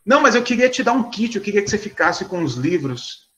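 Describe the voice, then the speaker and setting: A man's voice: sits high, big pitch swings, brisk, a bit bright, pitched above the performer's own voice. A man doing a pushy street evangelist. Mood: insistent. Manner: insistent, accusing.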